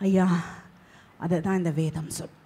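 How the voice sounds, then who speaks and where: A woman pastor preaching a sermon with emphatic delivery, swinging between loud and hushed. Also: lowish voice, steady tone, a little slow. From Tamil Nadu, India.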